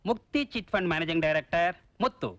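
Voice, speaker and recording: A fast-talking, bright, shifty swindler boss in a film. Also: male voice, high-pitched, dry recording, highs cut off. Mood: blustering. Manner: blustering, quickly panicked. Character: cowardly crooked chit fund boss, male, blustering.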